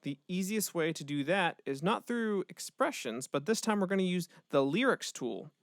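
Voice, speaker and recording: A man, a music educator, casually walking through a software tutorial step by step, with the odd filler word. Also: sits high, sing-song, normal speed, no room sound, clean studio sound. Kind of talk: screen-recorded software tutorial.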